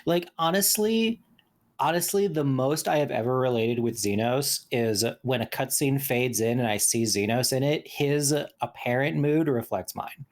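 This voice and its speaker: A man's voice: medium pitch, normal speed. A man on a gaming podcast, speaking with wry, dry humor. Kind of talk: casual podcast chat.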